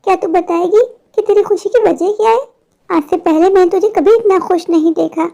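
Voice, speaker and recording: A woman's voice: very high voice, brisk, gravelly, warm tone. A woman voicing a prying, meddling older neighbor woman in a cartoon story. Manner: prying, insinuating.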